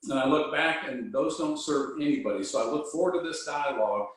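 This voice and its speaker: A man's voice: a little high, a bit bright, distant mic. Earnest congressman in an echoey room. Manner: measured, earnest, with frequent fillers. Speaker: congressman speaking on a panel. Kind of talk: formal civic speech.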